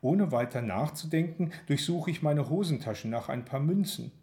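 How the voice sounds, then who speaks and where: Male narrator, audiobook reading, expressive, very lively intonation. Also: on the high side. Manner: expressive, measured first-person reading.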